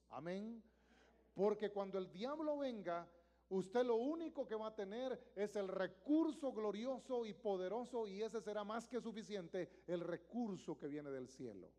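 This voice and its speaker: A male pastor preaching a live sermon in a church, emphatic and repetitive, swelling to loud exclamations. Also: a little high. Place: church sanctuary. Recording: long reverb of a church hall.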